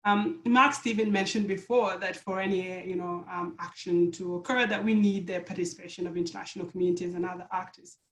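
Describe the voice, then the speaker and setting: A woman's voice: fairly low pitch, fairly even intonation. Earnest woman on an echoey video call. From South Sudan. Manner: earnest, halting with repeated restarts. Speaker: panelist. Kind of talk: webinar panel remarks.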